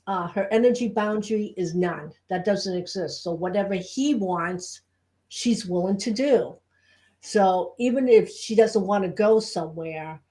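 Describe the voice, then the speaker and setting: Female co-host and Reiki teacher, mid-pitched voice, informal live chat delivery. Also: darkish tone. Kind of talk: casual chat on a live show.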